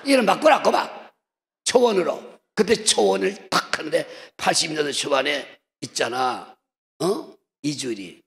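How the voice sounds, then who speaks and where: Lively, gravelly older man preaching. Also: fairly high pitch, a little slow. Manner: joking storyteller who slips into dialect impressions. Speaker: guest revival preacher. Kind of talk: humorous sermon. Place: church sanctuary. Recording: long church-hall reverb.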